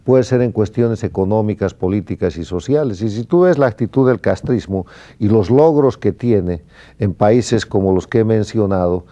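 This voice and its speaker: Low, mellow man arguing emphatically. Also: normal speed. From Bolivia. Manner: emphatic, list-like political argument. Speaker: political analyst, interview guest. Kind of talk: formal TV interview. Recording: dull lo-fi broadcast sound.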